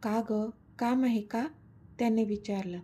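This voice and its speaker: A woman's voice: fairly high pitch, fairly even intonation, unhurried, dark tone, breathy edge. A woman reading a romantic serial story aloud, speaking every character's lines in her own voice. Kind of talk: scripted story narration with voiced dialogue.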